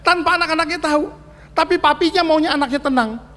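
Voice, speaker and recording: A man's voice: very high voice, fast talker, a bit bright, long reverb tail. A middle-aged man, preaching a sermon in earnest, short, repeated phrases. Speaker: pastor.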